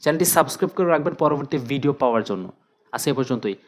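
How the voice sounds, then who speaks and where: Man drilling Arabic syllables slowly. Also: on the high side, animated. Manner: slow, repetitive drilling, repeating each syllable. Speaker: Quran teacher. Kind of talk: spelling drills of Arabic letters.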